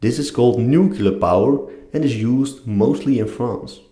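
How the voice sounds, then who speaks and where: A man whose first language isn't English gives a scripted educational narration with a non-native English accent. His voice is mellow and medium-pitched at a moderate pace, recorded in an echoey room.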